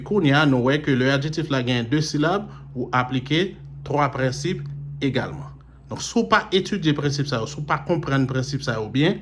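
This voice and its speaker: A man's voice: medium pitch, a bit bright, a little hiss or hum. A man teaching English grammar in French. He spells out letters, repeats example words, and switches between English sentences and French explanations. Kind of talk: recorded language lesson.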